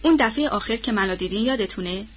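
A burly, loyal farmhand, read by a woman speaks in a heavy, husky voice with rustic, homespun phrasing. The tone stays bright and forceful. The audiobook recording sounds dull and lo-fi. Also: medium pitch, expressive. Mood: warm. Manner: colloquial rustic speech. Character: burly loyal male former farmhand, warm and overjoyed. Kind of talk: audiobook character reading.

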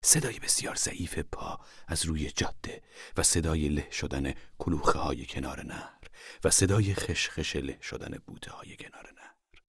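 A man narrating an audiobook in a measured way, sometimes dropping to a whisper in tense passages. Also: very deep voice, vocal fry, husky, dry recording, clean studio sound.

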